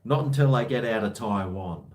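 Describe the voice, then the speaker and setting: A man's voice: on the low side, moderate pace, darkish tone. A man chatting casually on a livestream, rambling in blokey, laid-back slang. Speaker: livestream host. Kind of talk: casual livestream chat, answering viewer comments.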